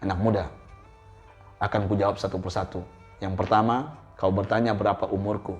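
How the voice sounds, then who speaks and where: A preacher voicing a calm, repentant businessman in his sixties, speaking slowly and evenly. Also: on the low side, faint music behind, pitched below the performer's own voice, natural voice. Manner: calm, slow and measured.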